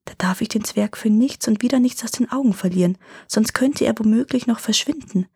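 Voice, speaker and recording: A woman's voice: on the high side, a little fast, mellow, slightly rough, no room sound, studio quality. A woman doing an eager, greedy young peasant lad. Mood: whispered wonder.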